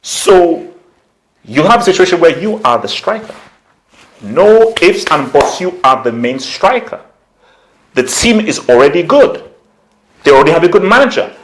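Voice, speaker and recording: Hosting his football vlog, a man offers opinionated, casual commentary in a slangy, conversational style, repeating points emphatically and acting out imagined quotes. He sounds high-ish and very animated, speaks at normal speed with frequent pauses, and the recording is low quality.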